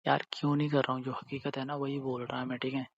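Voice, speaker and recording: Playing a hurt, jealous young boyfriend in an acted phone-call drama, a man speaks fast in a flat, narrow-pitched, natural voice, sulky and repetitive, pushing each accusation with little tag questions. His mood is hurt and sarcastic, the talk casual and conversational. The audio is dull and lo-fi with slight background noise.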